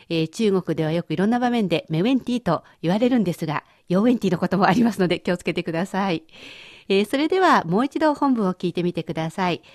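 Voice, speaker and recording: A woman's voice: lowish voice, darkish tone, no echo. Dry-voiced woman teaching a language lesson. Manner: explains words clearly and patiently.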